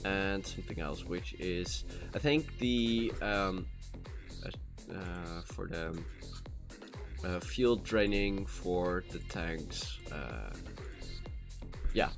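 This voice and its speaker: This deep, gravelly male voice is animated and draws out its words, carrying a Dutch accent. The speaker, a Dutch gaming streamer, chats casually and rambles with many fillers and restarts. He uses a cheap USB mic, and soft music sits in the background.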